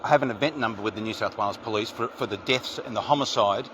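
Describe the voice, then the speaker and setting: A man's voice: lowish voice, fast. An Australian man arguing with police at the roadside, rambling and repeating "mate". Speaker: driver pulled over. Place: roadside in a vehicle. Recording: street noise and traffic. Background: traffic noise.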